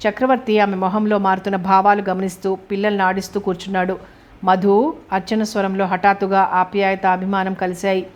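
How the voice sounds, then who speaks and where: Even-toned woman audiobook narrator. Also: medium pitch, brisk, few pauses. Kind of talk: scripted narration.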